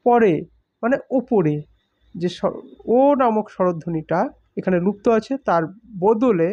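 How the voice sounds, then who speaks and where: A man teaching a grammar lesson, explaining slowly with examples and stressing key words. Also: high voice, darkish tone. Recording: muffled lo-fi recording.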